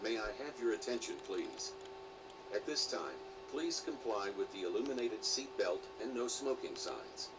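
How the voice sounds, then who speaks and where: Chime then a guy on the cabin pa, formal and polite, far off with music loud under him. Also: lowish voice, lively intonation, normal speed. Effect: cabin loudspeaker announcement after a chime. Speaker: cabin announcer. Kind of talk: recorded in-flight announcement. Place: aircraft cabin in a flight simulator.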